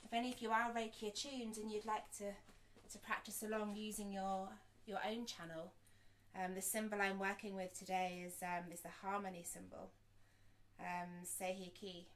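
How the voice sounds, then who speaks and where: A woman guiding a group through a meditation, speaking softly and slowly with gentle pauses. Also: mid-range voice, level tone. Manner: soft, slow and soothing, with gentle pauses. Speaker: sound healer and meditation guide. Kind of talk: guided meditation.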